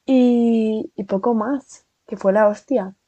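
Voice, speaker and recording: A young woman from Spain with a Spanish accent, telling a casual storytime vlog in a chatty, animated way full of fillers and asides. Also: fairly high pitch, slow, dry recording, muffled recording.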